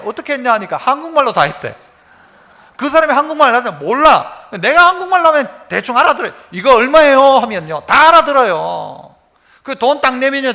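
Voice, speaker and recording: High-voiced, bright pastor preaching. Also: male voice, big-room sound. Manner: conversational preaching with rhetorical questions. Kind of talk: sermon. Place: church sanctuary.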